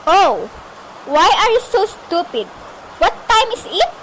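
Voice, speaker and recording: A woman's voice: very high voice, very animated, slow pace, fairly bright tone, full character voice. A woman playing a frantic, imperious telephone caller in an amateur suspense radio play, melodramatic and insistent. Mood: indignant, demanding. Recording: noisy amateur recording with faint hiss.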